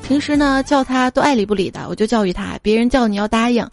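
A woman hosting a show, reading out funny listener stories in a lively way and mimicking the children in them. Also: on the high side, fast talker, no room sound, studio quality. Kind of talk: humorous story reading. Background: faint background music.

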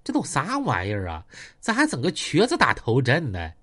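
A boastful, coarse gang boss, put on by a male storyteller. He taunts and threatens, and his pitch leaps up and down with every line. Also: wildly swooping pitch, normal speed, a bit bright. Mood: mocking.

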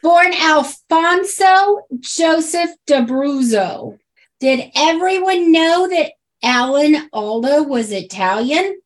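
A woman's voice: sits high, animated, slow. A woman co-hosting a podcast, chatting casually and reading from notes with plenty of fillers along the way. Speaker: podcast co-host.

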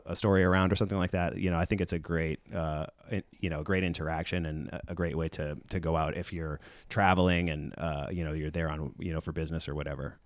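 A man's voice: rumbling low, fairly even intonation, quick pace, hardly any pauses, dry recording, studio quality. A man hosting a podcast in a casual, conversational style. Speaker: podcast host; hotel bartender. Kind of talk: casual chat.

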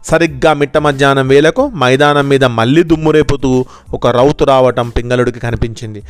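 A man narrating a children's story in a steady, measured way, in a smooth, clear voice. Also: medium pitch, faint music behind.

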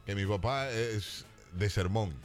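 A man's voice: on the low side, takes it slowly, soft background music. A man hosting a casual talk show who jokes animatedly and mimics a preaching father. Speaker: radio show host.

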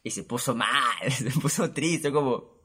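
An unhurried young storyteller host with a Peruvian accent relates a personal tale in a mid-range, slightly breathy voice. His delivery is casual and animated, thick with crude slang and quoted voices.

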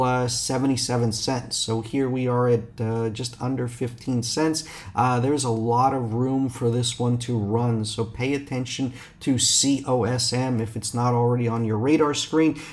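Male stock video host, mid-pitched, casual commentary, brash slangy trader manner, halting and filler-heavy. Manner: brash slangy trader talk, addressing viewers as guys.

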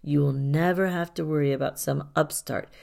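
A woman's voice: low-pitched, steady tone, normal speed, gravelly, darkish tone. A woman voicing a boastful, cruel old king who speaks in a grand, gloating way, in a storybook reading.

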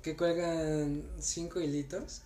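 A man's voice: on the high side, little pitch movement, takes it slowly, mellow, a little hiss or hum. A young man with a Mexican accent telling rambling stories in slangy casual chat, laughing often. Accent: Mexican Spanish. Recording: roomy echo.

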